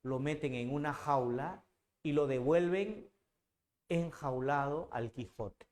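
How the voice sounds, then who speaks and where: A man's voice: a little high, takes it slowly, darkish tone. A man, teaching literature as a dramatic storyteller who talks straight to the student. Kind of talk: animated lecture.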